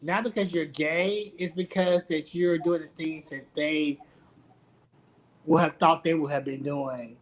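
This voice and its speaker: A man with a slightly high voice speaks as a guest on a panel discussion. He explains his view in a calm, measured way and backs it up with examples. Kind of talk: casual panel talk.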